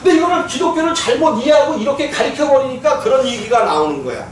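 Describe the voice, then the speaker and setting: A man's voice: very high voice, animated, quick pace. A male pastor giving a conversational sermon, asking his listeners questions and laughing now and then. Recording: echoey church hall from far off, faint noise.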